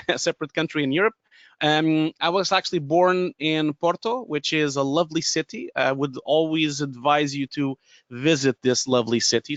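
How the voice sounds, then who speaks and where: Through a boom-mic headset in a home studio room, a thirtysomething Portuguese man with a Portuguese accent runs a live webinar in a chatty style, stumbling into fillers, restarts and laughs. His voice is mid-range, and the recording is muffled with no echo.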